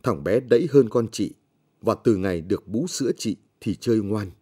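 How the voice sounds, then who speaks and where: A man narrating a short story in a slow, measured, somber reading. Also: lowish voice, animated, dark tone, slightly rough. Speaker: audiobook narrator.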